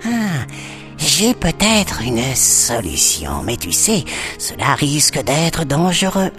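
A woman voicing a wise, kindly old female snake who speaks slowly and thoughtfully in a children's story. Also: low-pitched, huge pitch swings, over music, heavily acted. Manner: slow, thoughtful, gently scolding. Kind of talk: storybook acting.

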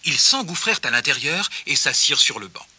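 A man reading a children's story aloud with expressive narration. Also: on the high side, brisk, husky, dry recording. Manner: expressive, gently paced narration.

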